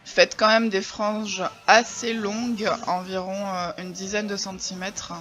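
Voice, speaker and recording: A woman co-hosting a craft video, explaining each step in a relaxed way, with fillers. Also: mid-range voice, a little slow, faint music behind. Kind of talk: casual tutorial explanation.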